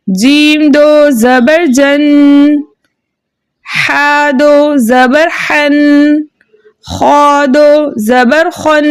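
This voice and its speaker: A woman leads a recitation lesson. She talks slowly, asks a question, then answers it herself in patient call-and-response. The sound is dry and close, with no room around it. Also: high-pitched, no room sound. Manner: patient call-and-response drilling, stretched syllables. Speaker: Quran recitation teacher. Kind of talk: slow drilled reading lesson.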